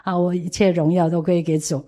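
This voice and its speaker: A woman's voice: lowish voice, little pitch movement, a little fast, dark tone. A woman giving an informal testimony of faith. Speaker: speaker giving a religious testimony.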